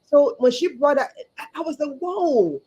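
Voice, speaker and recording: A woman from Liberia, speaking earnestly as a guest over a video call, often repeating words and pausing on fillers. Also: high-pitched, sing-song, warm tone. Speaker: guest, community advocate and chapter chair. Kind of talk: livestream interview.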